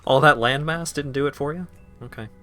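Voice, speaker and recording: A man's voice: mid-range voice, fairly quick, pushed and bright, faint music behind. A man from Canada chatting casually while streaming a game, laughing often and poking fun at himself. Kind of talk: casual gameplay commentary.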